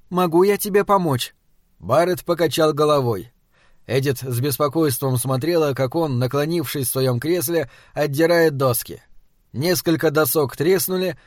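A man narrating a novel in a steady, even storytelling manner. His voice sits a little high, and the recording is dry and close, with no room sound. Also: no echo. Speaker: audiobook narrator. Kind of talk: scripted narration.

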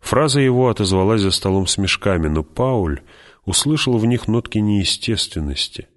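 A man narrating an audiobook in a steady, even storytelling manner. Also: lowish voice, normal speed. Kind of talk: scripted narration.

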